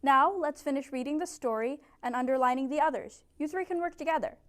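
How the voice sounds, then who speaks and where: A young woman with a high voice leads a small-group English lesson in a classroom, giving clear, encouraging instructions. She is picked up by a camera set some way off. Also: fairly quick. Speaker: ESL tutor.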